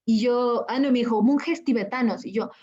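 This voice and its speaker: A woman's voice: a little high, fairly even intonation, brisk, mellow, highs cut off. A woman who works as a spiritual coach, telling a personal story in an interview and acting out her own past reactions.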